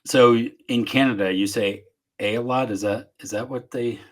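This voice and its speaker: Speaking from his home office with a Texan accent, a Southeast Texas man hosts a laid-back podcast interview. His medium-pitched voice moves at a normal speed as he rambles comfortably, filling the gaps with plenty of fillers.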